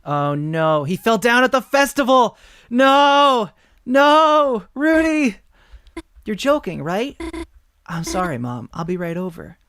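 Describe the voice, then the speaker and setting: A man's voice: on the high side, big pitch swings, normal speed, gravelly, no echo, studio quality. A man voicing an anxious, shy young deer girl from a video game, reading her dialogue aloud. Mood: distraught.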